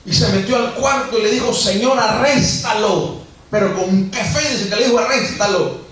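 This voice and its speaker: A high-pitched male pastor preaches a sermon and keeps speaking straight to his congregation in repeated phrases. His voice rings through a very echoey church and was picked up from well away from the mic. Faint noise sits underneath. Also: fast talker, fairly bright tone. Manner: preachy, repetitive, addresses the congregation directly. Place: church sanctuary. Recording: echoey church recorded from a distance.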